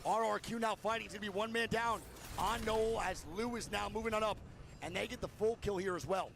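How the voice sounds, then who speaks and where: A man's voice: high-pitched, fairly even intonation, fairly quick, vocal fry, noisy background. A man streaming a watch party, giving hyped, swearing play-by-play esports commentary over a game broadcast.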